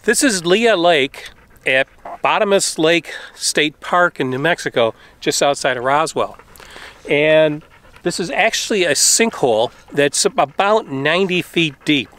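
A middle-aged man casually talking outdoors on a travel vlog, filmed with a camera at arm's length, relaxed and informative with a few fillers. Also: fairly high pitch, a little slow. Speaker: travel vlogger. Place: outdoors by a desert lake and campground. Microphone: camera held at arm's length.

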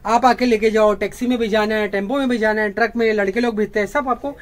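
Brisk warehouse owner, fast pitch. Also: male voice, steady tone. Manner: brisk, repetitive listing of wares. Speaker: gym equipment shop owner. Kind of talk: casual sales pitch. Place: cluttered indoor warehouse.

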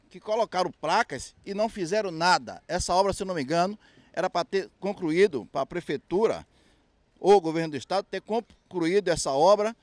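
Holding forth into a reporter's handheld mic outdoors at a street market, a local resident makes an indignant complaint, with hesitant restarts along the way. He has a high-pitched voice, and the recording is dry.

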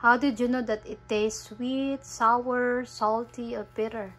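A mother from the Philippines guiding her young child through a taste game at home, with slow, coaxing instructions. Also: on the high side, fairly even intonation, fairly bright tone, low-quality recording. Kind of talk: homeschool lesson with her child.

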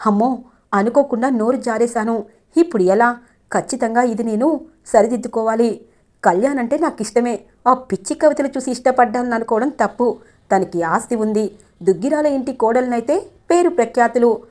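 A woman voicing a sharp-tongued, scheming young wife who taunts and coaxes her husband. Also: a little high, moderate pace, natural voice. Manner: taunting, then coaxing.

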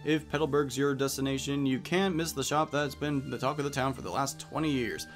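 Faint game music accompanies a young let's play host who talks a little fast in a mid-range voice. He keeps up chatty, wry asides and reads the on-screen text aloud in playful voices.

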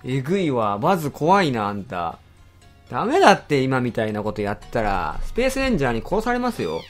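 A man hosting a game channel, giving live commentary with excitable exclaiming reactions and rapid grumbling. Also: medium pitch, soft background music.

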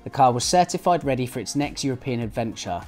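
A man's voice: medium pitch, lively intonation, quick pace, a little mellow. Young upbeat male host, car channel narration with faint music bed. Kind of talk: car video narration and interviewing.

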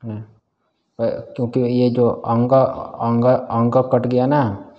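A man's voice: medium pitch, level tone, slow pace, muffled recording. A man teaching a scripture class in a casual way, often quizzing his students and chuckling. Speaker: Vedanta teacher.

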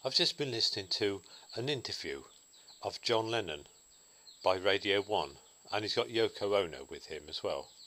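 A man's voice: fairly low pitch, bright, forceful tone, a little hiss or hum. A man vlogging a reflective solo monologue, musing thoughtfully to the camera.

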